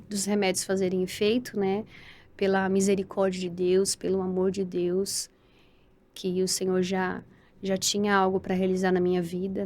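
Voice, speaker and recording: A woman with a Brazilian Portuguese accent, a podcast guest telling her personal story in earnest, halting speech, often repeating words and asking for agreement. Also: mid-range voice, a little mellow. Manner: devout, speaks of faith with feeling. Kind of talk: personal testimony in an interview.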